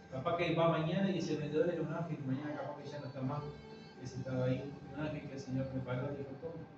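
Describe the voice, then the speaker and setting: An older man, preaching a sermon in a conversational way and often asking the congregation "right?". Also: fairly high pitch. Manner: conversational preaching, frequent tag questions to the congregation. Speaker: pastor. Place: congregation's meeting room. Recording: very echoey room, distant mic, dull, noisy.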